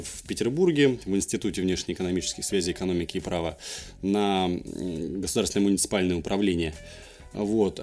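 A young man with a fairly low voice speaks as an interview guest. He tells things in a casual, conversational way, with faint music behind him. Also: darkish tone. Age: young adult.

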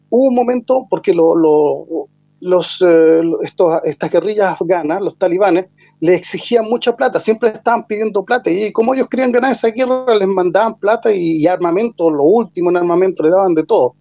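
A man talks through politics as a commentator, halting and repeating words as he searches for his point. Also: high voice, mellow, no room sound. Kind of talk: analytical discussion. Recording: dull lo-fi, dry sound.

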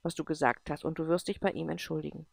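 A woman's voice: deep voice, flat delivery, fast talker, creaky, no echo, exaggerated voice. A woman voicing a caring but firm adult man who questions and corrects. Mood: stern. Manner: gentle then stern questioning.

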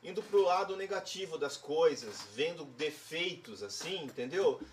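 A man's voice: fairly high pitch, lively intonation, moderate pace, distant mic, a little hiss or hum. A man in casual chat about music, rambling and opinionated with lots of slang.

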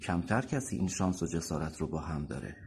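Narrator doing a confident middle-aged chief, firm, husky. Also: male voice, deep voice, animated, darkish tone, voice pushed down, heavily acted. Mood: assured. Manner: firm, assured. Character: confident male company chief, about forty.

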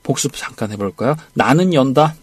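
A man's voice: mid-range voice, lively intonation, a little fast, breathy edge, dry recording. A man teaching English on a radio lesson, playful and teasing as he coaches his co-host.

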